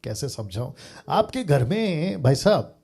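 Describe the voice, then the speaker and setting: A man's voice: a little high, big pitch swings, measured pace, gravelly, warm tone, breathy edge. A man preacher talking with a caller on a live show, reasoning earnestly through everyday examples and often adding "sir". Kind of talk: live call-in Q&A.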